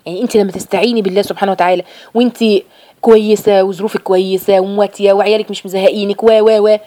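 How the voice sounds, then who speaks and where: A woman with an Egyptian accent giving a religious lesson to a group of women. She talks in an animated way and acts out quoted friends in a higher voice. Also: very fast. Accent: Egyptian Arabic. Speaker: religious teacher.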